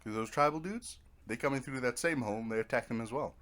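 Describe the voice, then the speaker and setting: A gamer narrates his video game play in casual let's-play style, offhand and muttering to himself. His voice is medium-pitched, fast, and a little bright.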